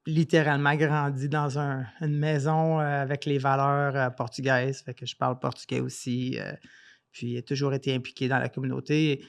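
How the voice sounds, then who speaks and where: A man with a Québécois accent, a podcast guest talking in a relaxed, hesitant way with many fillers. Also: mid-range voice, moderate pace, creaky. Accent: Québécois French. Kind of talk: casual podcast interview.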